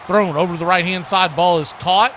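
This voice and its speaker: Over obvious live-stream noise, a high-voiced American man gives brisk, off-the-cuff football commentary. His style is homey and conversational, though big plays send him into excited shouting.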